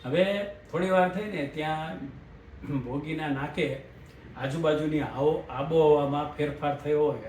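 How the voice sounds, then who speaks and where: A man telling a comic story with lively, chuckling narration. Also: on the high side, very noisy. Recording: roomy, distant mic, faint ambience.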